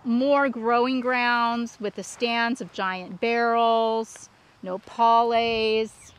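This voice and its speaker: A woman hosting a casual walk-through vlog, talking in an excited, gushing, exclamatory way. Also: a little high. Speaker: landscape designer hosting a plant tour. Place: outdoors at a plant nursery. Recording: outdoor ambient and vehicle noise.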